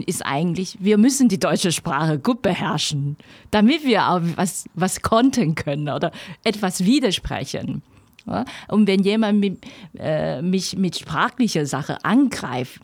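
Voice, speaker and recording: This middle-aged woman from Taiwan is a native Chinese speaker and language professor, and she has a Chinese accent. She gives reflective, conversational interview answers in non-native grammar, hesitating and searching for words. Her voice sits on the low side, with lively intonation and an unhurried pace, and its darkish tone is slightly rough, with no echo.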